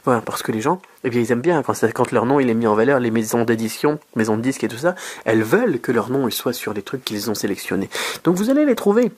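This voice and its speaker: Husky-voiced man from France, talkative advice host, lots of fillers. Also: fast. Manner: chatty, many fillers and restarts, lively pitch jumps. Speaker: YouTube host. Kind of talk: casual advice monologue.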